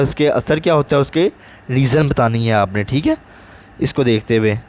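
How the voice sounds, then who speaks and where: A male teacher, explaining an English lesson step by step and reading example sentences slowly. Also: medium pitch. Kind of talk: recorded classroom lesson.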